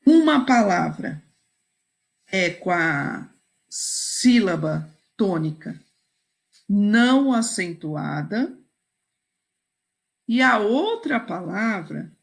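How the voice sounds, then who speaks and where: A woman teacher talks students through a set of exercises in a video lesson, taking her time and pausing often to check they are following. Her pitch rises and falls a lot, and her voice has a slight gravelly edge. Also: very animated. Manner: slow, patient, checks in with "ok?" and "certo?".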